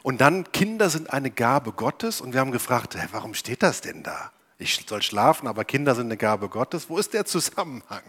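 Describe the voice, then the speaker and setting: A man preaching a sermon, swinging from urgent raised appeals to soft, almost whispered prayer. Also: medium pitch, sing-song, normal speed, few pauses, slightly rough.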